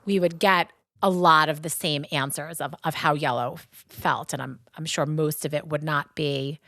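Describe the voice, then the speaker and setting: Long Island woman co-host, lively chatty delivery, dry close mic. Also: low-pitched, normal speed, no room sound. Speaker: podcast co-host. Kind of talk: casual podcast chat.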